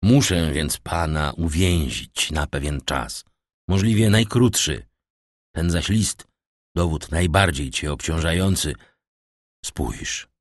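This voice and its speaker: A man's voice: extremely low pitch, animated, slow, no room sound, studio quality, heavily acted. A man voicing a tense, commanding crown prosecutor in an audiobook, stern and secretive. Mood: persuasive. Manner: stern, secretive, barking orders then pleading.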